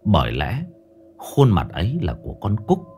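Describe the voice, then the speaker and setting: A man's voice: fairly low pitch, huge pitch swings, moderate pace, darkish tone, soft background music. A man narrating a ghost story dramatically, lingering on eerie details.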